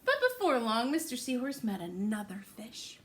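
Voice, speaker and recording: A woman reads a picture book aloud to young children like a teacher, pausing to ask them questions and explain words simply. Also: a little high, lively intonation, fairly bright tone, a little hiss or hum. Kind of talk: picture-book read-aloud with chatty asides.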